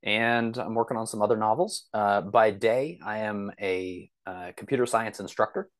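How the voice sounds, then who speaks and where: An author who teaches computer science appears as a podcast guest via video call, giving thoughtful, somewhat hesitant explanations. His voice sits on the low side, with a steady tone and normal speed.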